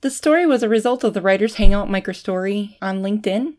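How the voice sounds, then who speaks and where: A woman hosting a fiction podcast, reading a thriller story in a plain, steady way. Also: medium pitch, fast talker. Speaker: podcast host and author.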